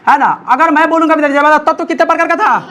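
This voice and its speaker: A man with a notably high voice teaches a science class in a way. He talks in call-and-response, firing questions at the room and pushing students to reply, with a faint hiss of background noise. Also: fast talker, sharp tone. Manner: call-and-response, keeps prompting students to answer.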